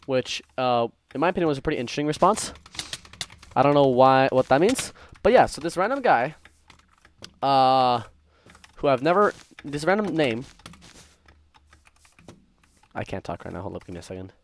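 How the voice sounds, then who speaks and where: A young gaming content creator with a medium-pitched, very animated voice talks briskly, telling casual stories as he plays. He rambles and interrupts himself distractedly, with faint keyboard typing and clicking in the background.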